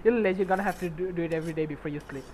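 A man's voice: fairly high pitch, rapid-fire, darkish tone. A young man, not a native English speaker, hosting a podcast and telling a crude story full of profanity and laughter. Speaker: podcast host. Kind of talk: casual chat.

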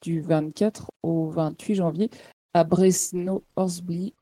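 A woman's voice: fairly low pitch, fairly even intonation, slow pace, mellow, dry recording. A woman co-hosting a casual sports podcast, talking with frequent hesitations and easy laughs. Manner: hesitant, many fillers. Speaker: podcast co-host.

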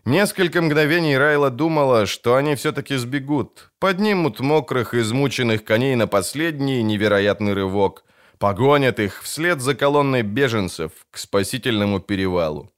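Brief: male audiobook narrator, steady dramatic reading, mid-range voice. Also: medium pitch, moderate pace, smooth. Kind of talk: scripted narration.

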